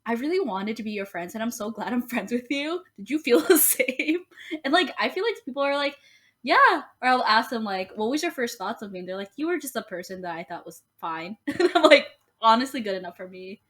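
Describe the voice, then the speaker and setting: A woman's voice: on the high side, expressive, a little fast. A young woman co-hosting a casual podcast chat, rambling along with lots of "like" and poking fun at herself. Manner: chatty, rambling, heavy use of "like", self-deprecating. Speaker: podcast co-host.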